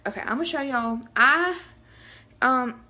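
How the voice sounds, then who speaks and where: A young vlogger chats nervously through a casual review video, constantly saying "y'all," her high, sharp voice a little scratchy from bronchitis and her pace measured. She's recorded close-up on a phone camera in a small bedroom.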